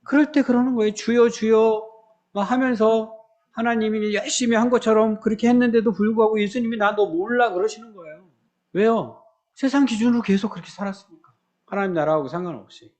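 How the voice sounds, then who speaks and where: Male pastor, higher-pitched voice, conversational sermon in church, rhetorical questions, acts out quoted prayers. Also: fast talker, a little mellow.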